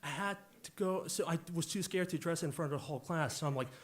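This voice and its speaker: A young man telling a story on stage, animated and acting out the dialogue with loud bursts. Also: on the high side, fast. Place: club stage with audience.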